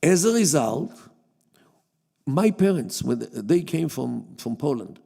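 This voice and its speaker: A guest lecturer whose first language is Yiddish gives a public lecture in a synagogue hall, speaking haltingly with frequent fillers and restarts. His dark, gravelly voice sits a little above most men's and swings widely in pitch, and a long hall reverb trails each phrase.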